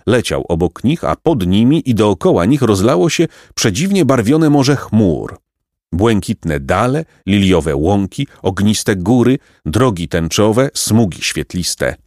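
A man narrating a children's storybook in an expressive, lyrical reading. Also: fairly low pitch, no room sound, clean studio sound. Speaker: audiobook narrator.

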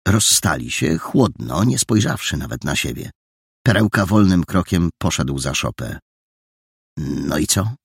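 A man reads a children's novel aloud with expressive storytelling. His voice is low and gravelly, with a husky grain, and his intonation moves a lot. The recording is dry and close. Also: moderate pace, no echo. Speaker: narrator. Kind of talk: audiobook reading of a children's novel.

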